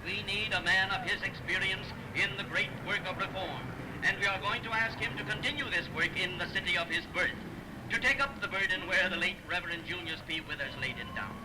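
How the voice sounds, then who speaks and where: A man's voice: high voice, a little fast. An actor playing a formal civic chairman giving a declamatory 1930s film speech, a disembodied voice as if over a radio. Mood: solemn, rousing. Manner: formal, declamatory banquet oratory. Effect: disembodied voice over a car radio. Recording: noisy, distant 1930s film soundtrack.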